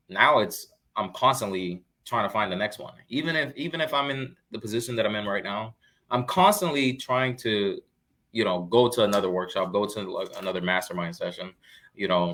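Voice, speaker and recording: Low-voiced young man, laid-back chat. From Florida, US. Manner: relaxed, peppered with "you know" and restarts. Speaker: guest, real estate investor. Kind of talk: casual live Q&A chat.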